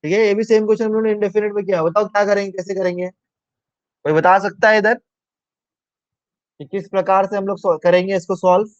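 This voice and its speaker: Male maths tutor, slightly high voice, dull dry recording, walks students through steps and quizzes them. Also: fairly even intonation, brisk, pauses often, no room sound. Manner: talks through steps aloud, asks students questions; mixes English maths terms into Hindi. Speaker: maths teacher. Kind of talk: live online maths class.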